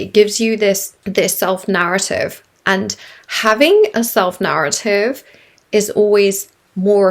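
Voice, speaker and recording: A congested woman with croaky vocal fry, explaining self-help ideas to her viewers in a reflective way. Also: medium pitch. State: congested from a sinus illness. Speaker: YouTube creator.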